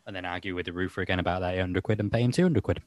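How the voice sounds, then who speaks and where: A man's voice: low voice, very fast, a little mellow, no room sound, studio quality. A man hosting a podcast, talking in a rambling, self-mocking way with lots of fillers. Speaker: podcast host. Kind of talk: casual chat.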